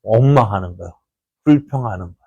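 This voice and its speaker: A pastor preaches a sermon in church, his lowish voice fast, husky, and edged with vocal fry on a dry, dull recording. He's animated, throws rhetorical questions at the congregation, and acts out voices from the story.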